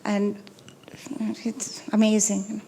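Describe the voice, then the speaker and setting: A woman speaking as a panelist in an on-stage conversation, reminiscing in a soft-spoken way that trails off quietly at the ends of phrases. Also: mid-range voice, completely flat delivery, extremely slow, vocal fry, husky, low-quality recording. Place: talk venue stage.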